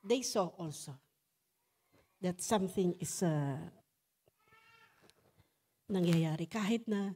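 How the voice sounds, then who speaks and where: A middle-aged woman delivers a sermon, moving between English and Tagalog and checking in with "Amen?". Her voice sits low and warm. She speaks slowly, with many pauses and fillers. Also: animated, breathy edge. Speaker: church speaker. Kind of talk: sermon testimony.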